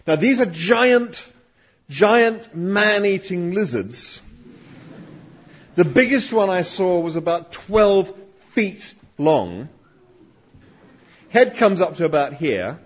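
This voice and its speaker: A man with a fairly high voice tells a humorous story to a live audience, slipping in wry, dry asides. The recording sounds dull and lo-fi. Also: big pitch swings, measured pace, breathy edge. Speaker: speaker reading to a live audience.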